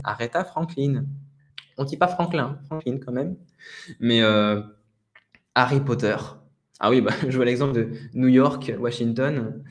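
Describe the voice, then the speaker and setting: A man teaching a live webinar lesson, relaxed and chatty, often laughing. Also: on the low side. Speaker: French teacher.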